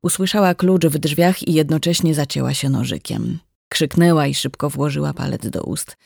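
Audiobook narrator, gravelly, measured, dry close sound. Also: medium pitch, a little mellow, no room sound.

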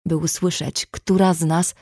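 Woman reading a heartbroken red-haired girl in an audiobook, tearful and cutting, low voice, dry sound. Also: flat delivery, a little slow, mellow, no echo. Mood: bitter. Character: young red-haired woman, wounded and bitter.

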